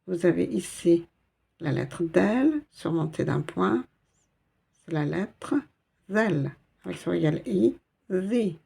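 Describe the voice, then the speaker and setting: A woman's voice: on the low side, expressive, slow, vocal fry, pauses often, mellow, breathy edge. A woman teaching a step-by-step Arabic reading lesson in French, patient and explaining each letter and sound.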